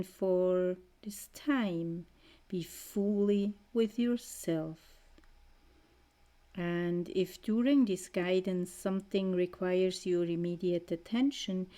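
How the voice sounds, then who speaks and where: A woman guiding a trance meditation in a soothing, mesmerizing way, with short gentle phrases and a soft, breathy voice that often nears a whisper. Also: fairly low pitch. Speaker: guided meditation narrator.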